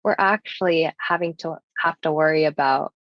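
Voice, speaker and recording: Speaking at a moderate pace in a deep voice, this young woman from the US, whose first language is Japanese, reflects on personal matters as a podcast guest. She comes across as earnest and thoughtful, using plenty of casual fillers. There's no echo, though the audio sounds dull and lo-fi.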